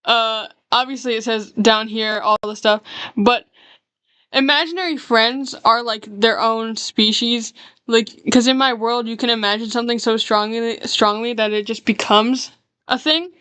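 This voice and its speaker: Chatty woman streamer, clear voice. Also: on the high side, fairly bright tone, no echo. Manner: rambling, explaining her characters. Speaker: streamer and artist. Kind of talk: casual stream chat while drawing.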